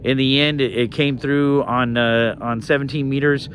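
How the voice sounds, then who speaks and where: A man's voice: mid-range voice, fairly even intonation, moderate pace, fairly bright tone. Rambling man vlogging outdoors, faint background noise. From Colorado. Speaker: amateur radio operator, video host. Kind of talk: casual outdoor vlog talk. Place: outdoors in a state park. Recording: outdoor ambient and vehicle noise.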